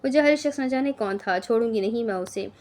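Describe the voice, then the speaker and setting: A woman voicing a hot-tempered young woman in a storybook reading, sharp and indignant in her delivery. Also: on the high side, fairly quick, natural voice.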